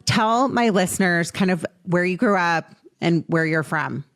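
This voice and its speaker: A woman in her late twenties hosting a podcast interview, speaking earnestly and affectionately to her guest. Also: on the low side. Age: late 20s. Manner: earnest and affectionate, slow in emotional moments. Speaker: podcast host.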